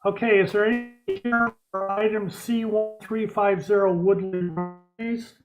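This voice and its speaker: A man's voice: high voice, steady tone, measured pace, muffled recording, music in the background. A man chairing a meeting over a conference call that breaks up, plain-spoken with dry asides. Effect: conference call audio, breaking up. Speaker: board chair.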